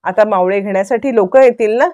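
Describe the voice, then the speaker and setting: A woman's voice: medium pitch, a little fast, dark tone, close to an everyday voice. A woman voicing a stubborn, feisty young wife who answers back defiantly. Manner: defiant, sulky.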